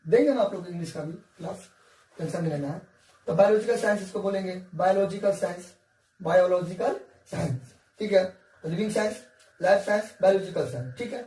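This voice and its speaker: A man's voice: high voice, brisk, warm tone. A male teacher, giving a whiteboard science lesson in a coaxing, repetitive way and often checking that students follow. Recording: echoey room, distant mic, faint hiss.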